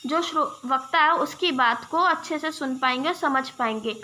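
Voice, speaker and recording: A woman's voice: sits high, moderate pace, sharp tone. A young woman teaching an exam-prep lesson, explaining step by step and checking in with her viewers as friends. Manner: addresses viewers as "friends", gives examples.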